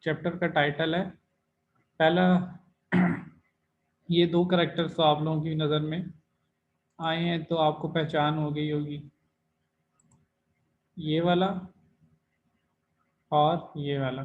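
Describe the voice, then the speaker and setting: A man with a high voice teaches an online language class at an unhurried pace. He explains patiently and drawls out sample syllables again and again to show the tones. The audio is dull and lo-fi, like a recorded online class. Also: level tone. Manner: slow, explanatory, demonstrates tones by repeating syllables.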